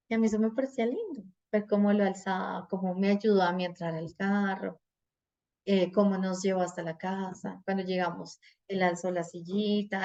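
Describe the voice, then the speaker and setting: A woman's voice: medium pitch, lo-fi sound. A middle-aged woman teaching a parenting class, telling family stories and often checking in with "¿cierto?". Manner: animated, asks "¿cierto?" often.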